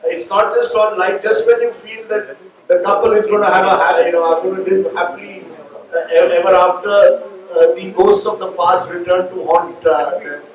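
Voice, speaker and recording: Middle-aged Indian-accented male interviewer, high-pitched, discursive, distant in a reverberant space. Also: steady tone, normal speed. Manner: discursive, long reflective questions. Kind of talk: live on-stage interview. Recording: echoey room, distant mic, faint noise.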